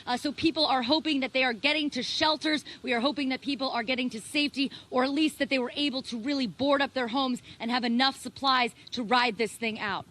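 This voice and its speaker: A woman's voice: high-pitched, sharp tone. A female field reporter speaking urgently and emphatically outdoors in heavy wind and rain.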